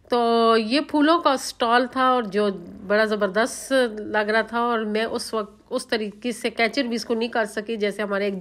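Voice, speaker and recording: A woman vlogger from Pakistan, narrating her outing in a chatty, homely voice-over. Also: a little high. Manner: chatty, homely, leans on filler phrases.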